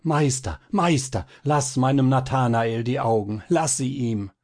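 A man voicing a gentle, frightened father in a storybook reading, speaking in a faint, broken, pleading way. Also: sits low, expressive, slow pace, breathy edge, voice pushed down, full character voice.

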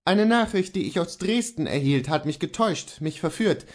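A man's voice: a little high, expressive, normal speed, voice pushed up. A man reading the part of a proud, defiant male horse dealer turned outlaw, speaking earnestly and insistently.

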